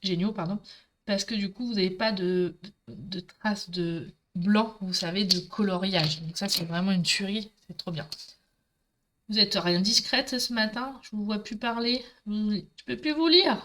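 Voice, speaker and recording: In an unhurried, steady, fairly bright mid-range voice, a middle-aged woman chats with her audience during a live craft demonstration. Her accent is from Marseille, and she speaks to viewers directly and talkatively.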